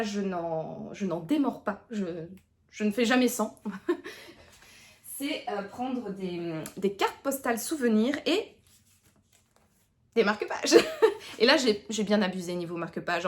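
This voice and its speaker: Femme bavarde à l'accent tournaisien, voix aiguë. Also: female voice, a little high. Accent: Tournai Picard (Belgian French). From Tournai, Belgium. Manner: chatty, many fillers and restarts, self-mocking. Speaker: book vlogger. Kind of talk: casual chat to camera.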